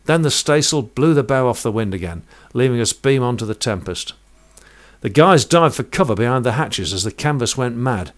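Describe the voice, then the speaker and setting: Man, mid-pitched voice, first-person sea story narration, measured and vivid. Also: animated.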